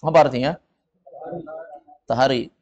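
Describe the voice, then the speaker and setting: A man teaches an Arabic lesson to a group and has them repeat each word. His voice sits at an ordinary middle pitch. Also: fairly even intonation, normal speed, darkish tone, dull audio. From of Padang descent. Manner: drills words, students repeat. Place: study room with a group.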